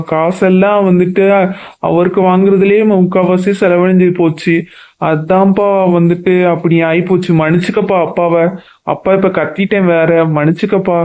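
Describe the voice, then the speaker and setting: A man's voice: high voice, darkish tone, natural voice. A man voicing a loving but strained father who pleads with his son and at times scolds him, in a cartoon. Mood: apologetic. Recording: dull lo-fi sound.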